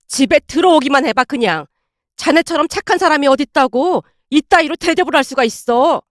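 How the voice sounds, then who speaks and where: A woman's voice: high-pitched, expressive, fairly quick, dry recording, studio quality. A woman voicing an older mother-in-law who scolds her daughter sharply. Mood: scolding.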